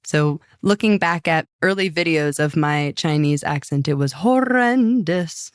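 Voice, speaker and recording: This podcast guest is a young American singer and language learner, chatting casually and upbeat with frequent "like" fillers. Her low-pitched, smooth voice keeps a measured pace in a dry, studio-quality recording.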